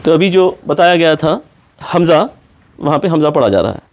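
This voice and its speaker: Patient male recitation teacher, slightly high. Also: expressive, a little hiss or hum. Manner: patient, repeats sounds to demonstrate. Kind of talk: classroom teaching on pronunciation. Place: classroom.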